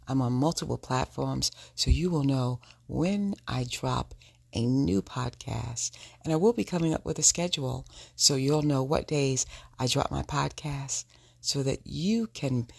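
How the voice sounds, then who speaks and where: A woman hosts a reflective solo podcast in a sultry, intimate manner. Her voice is husky and gravelly, full of creak. She takes her time, speaking slowly and directly to her listeners. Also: very deep voice. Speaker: podcast host.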